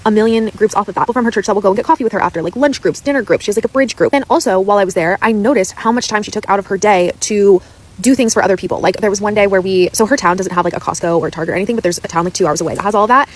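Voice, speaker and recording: Rapid-fire rambling woman in her twenties. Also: mid-range voice. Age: 20s. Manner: rambling, lots of "like" fillers, animated retelling. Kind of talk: casual vlog storytelling.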